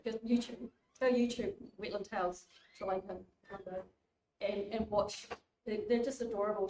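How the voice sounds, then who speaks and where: A woman giving a relaxed public talk, informal and chatty with many fillers and restarts. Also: medium pitch, distant mic, slight background noise. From New Zealand. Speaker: guest speaker. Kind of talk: public lecture. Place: community hall. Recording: echoey hall, voice from afar.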